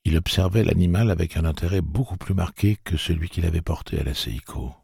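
A man reading an audiobook story in a measured, steady way. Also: deep voice, creaky, husky, no room sound, studio quality. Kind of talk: audiobook narration.

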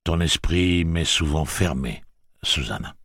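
A man's voice: a bass voice, measured pace, breathy edge, dry recording, clean studio sound, full character voice. A man reading a stern gunslinger mentor. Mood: flat. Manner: flat, blunt, commanding.

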